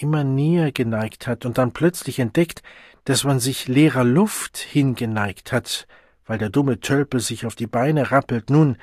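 A man narrates an audiobook in a measured, even manner. His voice is slightly husky and sits mid-range. The recording is dry and close. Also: mid-range voice, dry recording.

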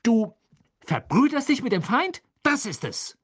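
An audiobook reader voicing an angry, jealous teenage boy wizard in a high, accusing voice. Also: very animated, brisk, husky. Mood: jealous anger. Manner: raised, accusing, sneering.

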